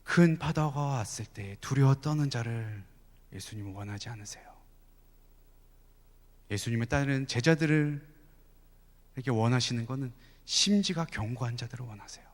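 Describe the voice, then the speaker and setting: A man preaching a sermon at a youth service, animated, with frequent rhetorical questions and occasional soft asides. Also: mid-range voice, normal speed. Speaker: youth pastor. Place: large church sanctuary. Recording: long church hall reverb.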